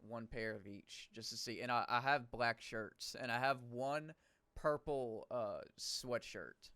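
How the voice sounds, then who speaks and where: A man talking casually on his podcast, loose and profane, often trailing off mid-sentence. His voice is smooth and resonant at an ordinary pitch. The sound is dry and close to the mic. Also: unhurried, pushed and bright, no room sound. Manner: laid-back, swears a lot, trails off. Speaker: podcast host. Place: podcast studio.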